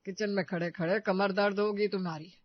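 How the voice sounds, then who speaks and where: A woman's voice: medium pitch, fairly even intonation, brisk, no echo, close to an everyday voice. Casting: woman playing a jovial, affectionate older cartoon father-in-law, dull dry sound.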